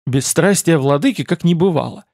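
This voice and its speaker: A man reading a fantasy novel aloud in an even, measured narration. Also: fairly high pitch, no room sound, clean studio sound. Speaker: audiobook narrator.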